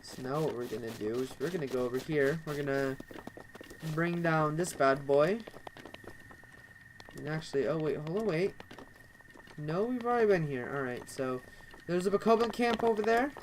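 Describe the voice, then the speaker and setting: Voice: medium pitch, moderate pace, pauses often, background noise. A let's play host giving casual, rambling commentary over gameplay, with constant fillers like "actually" and "kind of".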